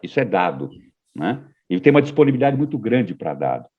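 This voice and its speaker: A man's voice: on the low side, very animated, fairly quick, husky, narrow, tinny audio. A man as a podcast guest, talking in a reflective, hesitant way with frequent restarts. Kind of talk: casual podcast conversation.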